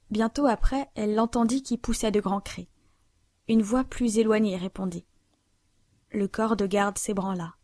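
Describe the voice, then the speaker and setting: Mellow woman reading a classic novel. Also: mid-range voice, dry recording. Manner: measured, even literary reading. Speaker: audiobook narrator. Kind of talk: scripted narration of a classic novel.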